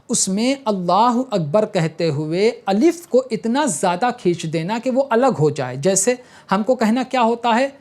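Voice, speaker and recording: A man's voice: high voice, a little mellow. A man giving an instructional religious lesson, explaining rules point by point, often checking in with the listener and urging them to listen closely. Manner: emphatic reminders to listen carefully. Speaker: religious teacher.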